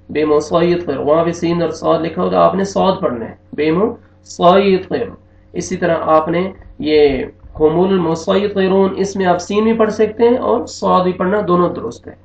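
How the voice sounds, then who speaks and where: A man's voice: high voice, vocal fry. A man teaching a Quran reading lesson, patiently repeating each rule and checking in with his students. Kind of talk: recorded online lesson. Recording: echoey, dull lo-fi room sound.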